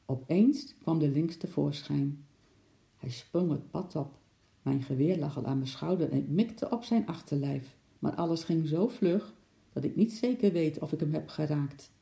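A man reads a children's story in a steady, even way. His voice is very dark with a gravelly edge, and the room adds a roomy echo. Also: on the high side, unhurried. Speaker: narrator.

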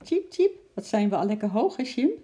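A woman's voice: sing-song, moderate pace, warm tone. A woman voicing a small, cheerful male animal that chirps, in a storybook reading. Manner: squeaky, chirpy.

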